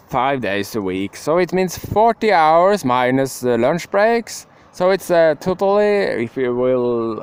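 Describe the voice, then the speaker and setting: A man's voice: medium pitch, smooth. A young man rambling emotionally to the camera in a casual monologue, breaking into laughs and sudden outbursts. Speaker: vlogger.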